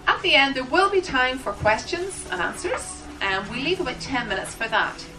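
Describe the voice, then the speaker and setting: A woman working as an interpreter, voicing a seminar introduction in short, halting phrases as she addresses a room. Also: high voice, animated, music in the background. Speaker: sign language interpreter voicing the signers. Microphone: microphone at the front of the room. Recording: distant microphone, noticeable background noise.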